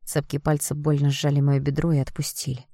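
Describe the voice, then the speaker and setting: A woman narrating a first-person audiobook in an expressive storytelling manner. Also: deep voice, fairly quick, no room sound, clean studio sound.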